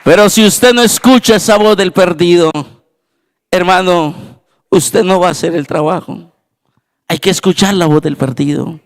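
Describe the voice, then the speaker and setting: High, smooth-voiced Colombian pastor preaching. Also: male voice, moderate pace. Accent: Colombian Spanish. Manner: storytelling preacher, building to fervent exclamations. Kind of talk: sermon. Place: church sanctuary.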